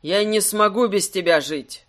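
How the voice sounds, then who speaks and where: A man's voice: high-pitched, a little slow, a bit bright. A man voicing a timid, tearful young man in an audiobook, speaking in a whiny, pleading tone. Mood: whining.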